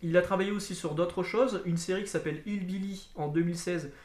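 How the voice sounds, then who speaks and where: A man's voice: high-pitched, fairly even intonation, a little fast, a little mellow, reverberant. A man casually reviewing comic books, rambling and full of fillers. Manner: chatty, rambling, many fillers and restarts.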